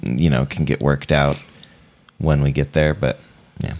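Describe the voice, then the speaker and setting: A man's voice: extremely low pitch, steady tone, a little slow, a little mellow. A man co-hosting a casual chat podcast, rambling with many fillers and restarts. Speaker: podcast co-host.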